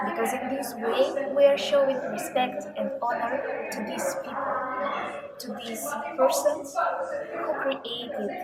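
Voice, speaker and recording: A Russian-accented woman with a slightly high voice presents to her audience, explaining carefully. Her voice rings in an echoey room over a steady background hiss. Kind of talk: informal cultural presentation.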